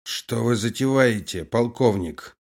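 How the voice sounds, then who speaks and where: A man's voice: medium pitch, natural voice. A man reading an audiobook, voicing a tortured male prisoner who groans in pain. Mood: pained, groaning. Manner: pained, groaning, slow.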